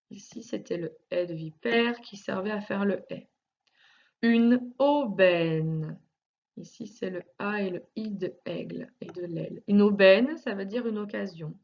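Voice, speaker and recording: A woman teacher at a medium pitch walks a small child through a reading exercise, taking her time and stretching each word so it can be heard clearly. Her tone stays patient and reassuring throughout. The recording sounds dull and lo-fi. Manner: slow, carefully articulated, stretching words for early readers; patient and reassuring, speaking directly to one child. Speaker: primary school teacher. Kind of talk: recorded video lesson for young children.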